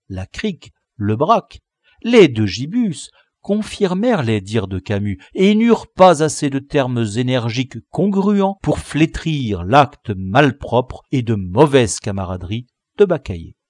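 A man reading a classic novel aloud with expressive narration. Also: medium pitch, slow pace, no echo, clean studio sound. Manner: expressive, dramatic. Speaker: audiobook reader.

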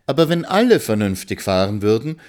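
A man's voice: fairly low pitch, very animated, a little fast, darkish tone. A man voicing a dramatic middle-aged woman in a read-aloud story, exclaiming in a theatrical way. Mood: insistent.

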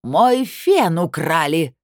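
A woman voicing an indignant, shrill woman official who shouts accusations, in an audiobook. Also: very animated, normal speed, dry recording, studio quality.

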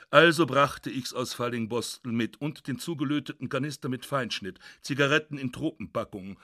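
A man narrating a literary radio reading in a measured, ironic first-person manner. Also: mid-range voice, fairly bright tone, dry recording. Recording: dry studio.

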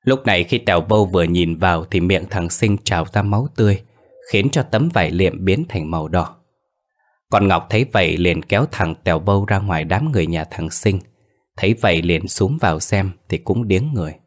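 Man, deep voice, steady ghost story narration. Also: a little fast. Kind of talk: scripted narration.

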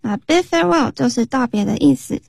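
A woman's voice: high-pitched, lively intonation, a little fast, creaky, darkish tone, husky, no echo. A woman co-hosting a radio lesson, reading each dialogue line in English and then in translation. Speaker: co-host reading dialogue lines.

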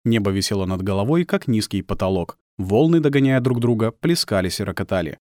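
A man narrating an audiobook in an expressive, lively reading. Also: fairly low pitch, brisk, no echo, studio quality. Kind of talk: scripted narration.

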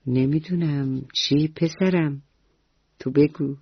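A woman storyteller voicing an easygoing, gently teasing father in a bedtime radio story, speaking slowly and good-naturedly. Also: low-pitched, husky, no echo, highs cut off.

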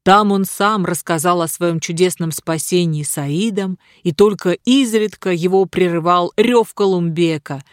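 An audiobook narrator reading a story in an even, measured way. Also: medium pitch, clear, resonant tone, no room sound, studio quality. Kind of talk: scripted narration.

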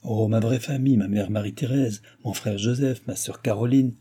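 A man's voice: mid-range voice, fairly even intonation, moderate pace, dark tone, slightly rough, close to an everyday voice. A man reading aloud, voicing a proud, imperious young princess in a raised voice. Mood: questioning. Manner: haughty, commanding.

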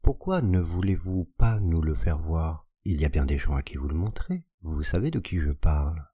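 A man's voice: a bass voice, lively intonation, normal speed, warm tone, husky, dry recording, clean studio sound, full character voice. A man reading an audiobook, voicing the narrator's stern friend as he asks probing questions.

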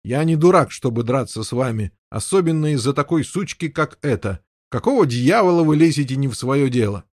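A man voicing a jealous, brutish male knight who shouts coarse insults. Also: mid-range voice, lively intonation, fairly quick, no room sound, studio quality, natural voice. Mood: scornful.

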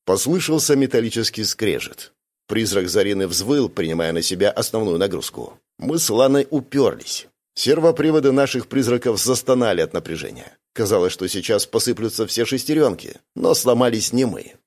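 A man reading first-person science fiction narration in an even, steady storytelling voice. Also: lowish voice, moderate pace. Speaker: audiobook reader.

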